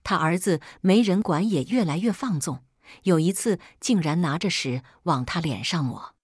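Brief: woman storyteller, slightly low and breathy, steady scripted delivery. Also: moderate pace, no room sound, clean studio sound. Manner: steady, plain recounting of a harsh family story. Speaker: story narrator. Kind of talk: scripted first-person storytelling.

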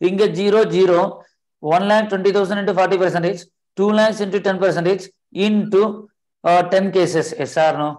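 A man's voice: sits high, steady tone, racing, a little mellow. A middle-aged man with a Tamil accent and an infected throat, lecturing interactively as an accounting teacher, repeating phrases and often checking with questions.

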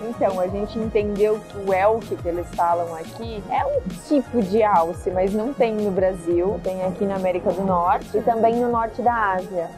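A woman's voice: mid-range voice, moderate pace, hardly any pauses, over music. A young adult Brazilian woman hosting a travel vlog, chatting casually and explaining things as she goes. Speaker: travel vlogger.

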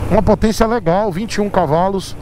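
Brazilian male motovlogger, high-pitched and talkative, riding in traffic, road noise under the voice. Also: brisk. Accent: Brazilian Portuguese. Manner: chatty, addresses viewers as galera. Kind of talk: casual motorcycle review while riding. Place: on a motorcycle in city night traffic. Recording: outdoor traffic and wind noise.

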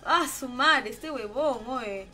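A young woman with a Peruvian accent, streaming games and chatting with her viewers, swearing and breaking into excited yelling. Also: fairly high pitch, takes it slowly, soft background music. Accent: Peruvian Spanish. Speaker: gaming streamer. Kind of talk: casual livestream chat while gaming.

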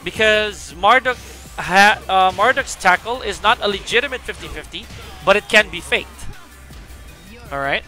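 A man giving casual live-stream game commentary, chatty and excitable as he greets viewers. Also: sits high, normal speed, soft background music.

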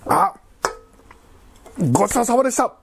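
High-pitched, animated man with a Kansai accent. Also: gravelly, a little hiss or hum. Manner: halting, rambling, repeats phrases, labored from spicy food. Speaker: food vlogger. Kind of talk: casual chat while eating and drinking to camera. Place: living room at home.

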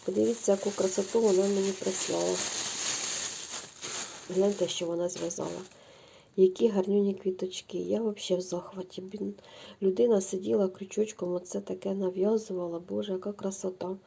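A woman's voice: mid-range voice, fairly even intonation, fairly quick, creaky, mellow, slight background noise. A middle-aged woman, chatting effusively to viewers as she shows knitting yarn at home. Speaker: knitting vlogger. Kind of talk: casual show-and-tell chat.

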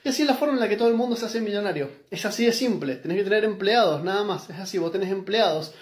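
A man's voice: high-pitched, expressive, racing. A man in his thirties with a Rioplatense Spanish accent, giving blunt, emphatic business advice straight to a phone camera in a small room at home. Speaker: business content creator. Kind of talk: direct-to-camera advice monologue. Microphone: phone camera held close.

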